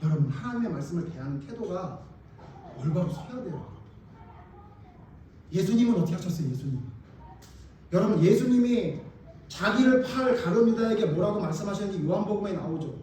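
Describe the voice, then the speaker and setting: A man's voice: high-pitched, animated, a little fast, pauses often, warm tone, slight background noise. A male pastor preaching a sermon in a church, emphatic and colloquial, often firing questions at the congregation. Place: church sanctuary. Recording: very echoey hall, mic far off.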